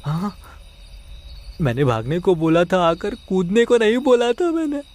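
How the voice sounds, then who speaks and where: A man's voice: high-pitched, sing-song, a little slow, a little mellow. A male dub actor playing a talkative, easily scared comic sidekick in a dubbed film. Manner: chattering, fearful, complaining. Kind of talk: Hindi film dub acting.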